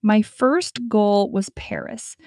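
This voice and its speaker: A woman in her twenties voicing a young female dreamer who tells her own story, speaking slowly and clearly and saying each sentence twice. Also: medium pitch, very animated, mellow, dry recording, clean studio sound. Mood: calm. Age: 20s. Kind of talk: scripted story for repeat-after practice.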